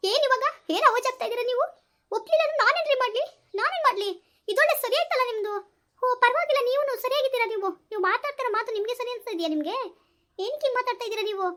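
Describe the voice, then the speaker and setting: A woman's voice: very high-pitched, lively intonation, very fast, fairly bright tone. A woman acting an exasperated young family member who argues back and pleads in a family quarrel. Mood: protesting. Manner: protesting, pleading. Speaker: actor in a village family skit. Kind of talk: amateur comedy skit acting.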